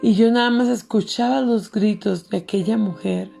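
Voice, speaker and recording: A woman's voice: medium pitch, normal speed, creaky, dark tone, faint music behind. A middle-aged woman pastor, telling a personal story in an earnest sermon and calling her listeners beloved.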